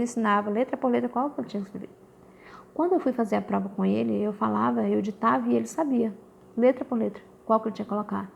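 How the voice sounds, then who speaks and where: A Brazilian mother speaks in a slightly high voice with a gravelly edge. She tells her story in an animated, casual way and keeps addressing her listeners directly. A faint background noise sits under her voice. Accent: Brazilian Portuguese. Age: adult. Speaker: mother talking about her children and quantum physics. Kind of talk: casual spoken testimony.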